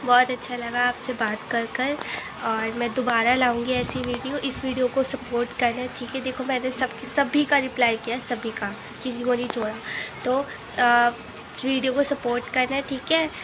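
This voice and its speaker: A woman's voice: fairly high pitch, little pitch movement, normal speed, noisy background. A young woman vlogger reading fan questions aloud and answering them bluntly in a casual Q&A, often checking "okay?" with her viewers. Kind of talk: casual Q&A vlog.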